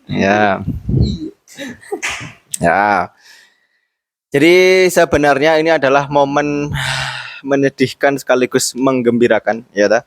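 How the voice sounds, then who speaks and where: A man's voice: medium pitch, takes it slowly, long pauses, no echo. Young man from Boyolali joking as host. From Boyolali, Central Java. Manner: playful, jokey, mixes in Javanese words. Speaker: host interviewing classmates. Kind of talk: casual school interview chat.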